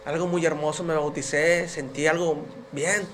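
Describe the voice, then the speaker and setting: A man's voice: on the high side, little pitch movement, normal speed, a bit bright, a little hiss or hum. A man giving his personal faith testimony as a podcast guest, telling his story in an earnest, emotional way.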